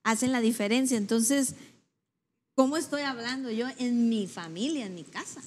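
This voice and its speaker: A woman's voice: a little high, moderate pace, slight background noise. A woman making a thoughtful point in a casual Bible discussion, repeating words as she goes.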